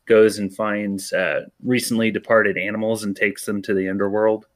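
A fairly low-voiced man in easygoing podcast chat. He fills his speech with ums and short pauses. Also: flat delivery. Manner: laid-back, lots of ums and pauses. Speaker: podcast host.

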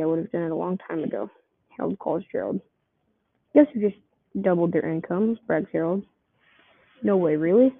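Gravelly, tinny amateur storyteller. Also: medium pitch, no echo. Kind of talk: reading a homemade story aloud. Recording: tinny phone-like dry recording.

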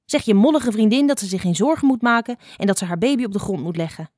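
A woman voicing a blind, sharp-tongued old female fox who scolds impatiently. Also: mid-range voice, lively intonation, fast, no echo, studio quality, natural voice. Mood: stern.

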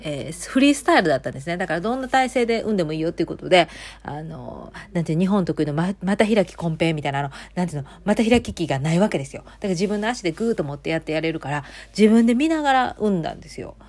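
A woman's voice: lowish voice, animated, rapid-fire, a little mellow. A woman with a Kansai accent hosting her own audio show, chatting casually in a rambling way with many fillers and asides. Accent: Kansai Japanese. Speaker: podcast host. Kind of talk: casual solo chat.

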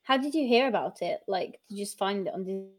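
A woman's voice: mid-range voice, quick pace. A woman in her twenties hosting a podcast in casual chat, chatty, laughing often and trailing into fillers. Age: 20s. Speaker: podcast host.

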